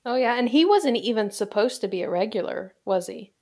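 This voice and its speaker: A woman's voice: a little high, expressive, brisk, dark tone. A woman hosting a casual podcast in a chatty, jokey way, recorded inside a closet. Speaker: podcast host.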